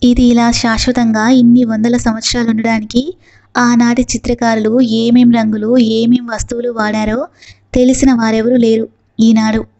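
A woman reading the part of a grave, serious young man who speaks slowly and earnestly, in a dull lo-fi recording. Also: on the high side, level tone, dark tone, natural voice. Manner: slow, measured, earnest.

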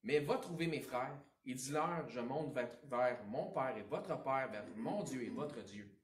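A man with a Quebec French accent preaching a Sunday sermon, swinging between emphatic outbursts and hushed asides. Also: medium pitch, expressive, a little slow, reverberant, far from the mic. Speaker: pastor. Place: church sanctuary.

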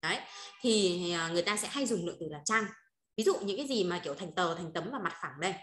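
A woman's voice: lowish voice, lively intonation, fast, a bit bright, reverberant, faint music behind. A woman teaching Chinese vocabulary, repeating points and checking often with her students. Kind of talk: online vocabulary lesson.

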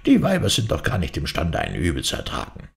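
A man's voice: extremely low pitch, wildly swooping pitch, fast talker, gravelly, voice pushed down, full character voice. A man voicing a grumpy, impatient male spirit who scolds in a fairy tale reading. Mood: scolding.

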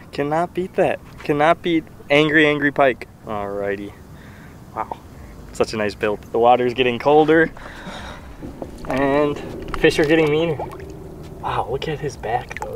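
An excitable young man narrating from a small fishing boat out on open water. He is picked up by an action camera on his chest and laughs often as he talks. A faint hum of wind and water sits behind his easy, mid-pitched voice. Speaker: fishing vlogger. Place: outdoors on a small boat on a lake. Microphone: action camera strapped to his chest.

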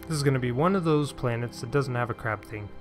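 A man's voice: medium pitch, brisk. Chatty man narrating his gameplay over music. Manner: chatty, talks to himself and his game pet, frustrated sighs. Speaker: let's play gamer. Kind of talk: casual gameplay commentary.

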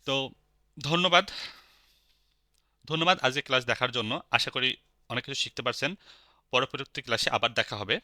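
Bright-voiced Bengali-accented male teacher. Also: medium pitch, no echo, studio quality. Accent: Bangladeshi Bengali. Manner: patient, repeats each word slowly. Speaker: language teacher. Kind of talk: spoken language lesson.

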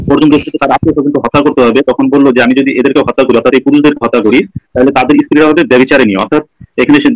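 A man's voice: medium pitch, no echo, poor audio. A man from East Bengal calling in, asking hesitant questions and defending his reading. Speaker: caller. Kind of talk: call-in question.

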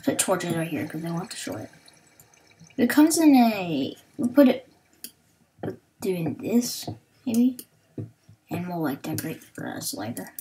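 A woman hosting a gaming video, talking slowly and hesitantly through what she is doing, with many fillers. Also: lowish voice, sing-song, dark tone, slight background noise. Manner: hesitant, thinking aloud with fillers. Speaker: gaming channel host. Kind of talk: Let's Play commentary.

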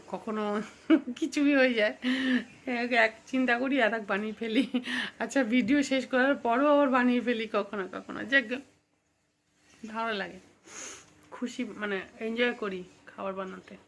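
A woman's voice: a little high, moderate pace, pauses often. A woman talking casually through her home cooking, rambling with fillers and asides while she has a cold, in a home kitchen. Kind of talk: casual cooking vlog chat. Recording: faint background noise.

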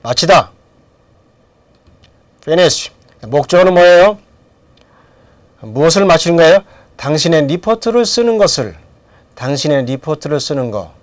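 A man's voice: on the high side, sing-song, unhurried, pauses often, dry recording. A middle-aged man teaching English grammar in a lecture, asking questions and then answering them himself. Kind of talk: lecture with drills.

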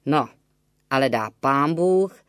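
A woman's voice: rumbling low, expressive, clear, resonant tone, no room sound, clean studio sound. A woman voicing a stern old village wise-woman who speaks in a firm, scolding yet reassuring way.

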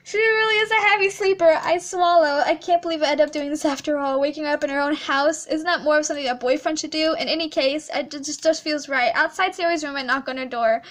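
Reading a horror visual novel aloud for a let's play, this gaming channel host speaks fast in a high, steady voice with few pauses. She's scared and her heart is racing, so she stammers and laughs nervously.

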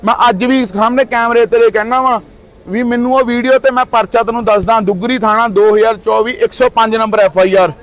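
A man's voice: very high voice, fairly even intonation, brisk, a bit bright. A man in his thirties from Punjab, India, speaking in a heated street interview with indignant, accusing outbursts.

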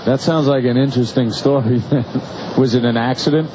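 A male radio co-host, joking around with quick quips and asides in casual interview banter. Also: medium pitch, steady tone. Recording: dull, very noisy outdoor broadcast.

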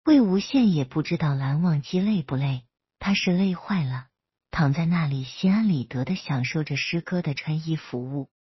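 A woman storyteller reads a romance story aloud in a soft, steady manner. Her low voice is very husky and breathy. The recording is dry and dull, with a lo-fi sound. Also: moderate pace, no room sound. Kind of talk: reading romance fan fiction aloud.

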